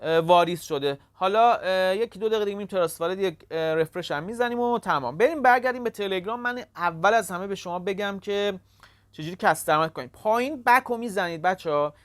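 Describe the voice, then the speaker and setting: Halting, casual tutorial host, dry sound. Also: medium pitch, dry recording. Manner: talks step by step, halting with frequent "uh" fillers; addresses viewers as kids and friends. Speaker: crypto tutorial channel host. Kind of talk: casual screen-recorded walkthrough.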